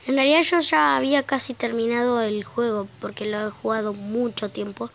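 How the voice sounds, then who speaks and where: A young gameplay streamer from Rosario, Argentina rambles casually over loud game music, swearing offhandedly and coughing slightly since she just woke up. Her voice is a little high with fairly even intonation and vocal fry at a moderate pace, captured roughly on a phone recording app.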